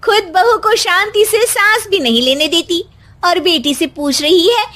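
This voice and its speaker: A woman's voice: very high voice, expressive, a little slow, a bit bright, pitched above the performer's own voice, exaggerated voice. A woman with an Indian accent playing a defiant, sarcastic young daughter-in-law in a family story, taunting and theatrical. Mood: exasperated lament.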